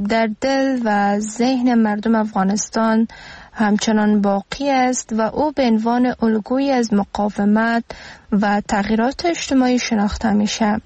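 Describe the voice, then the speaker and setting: A woman with an Afghan Dari accent closing a radio lesson as a teacher. She speaks in a measured way and pauses hesitantly often. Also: mid-range voice, a little mellow, no room sound.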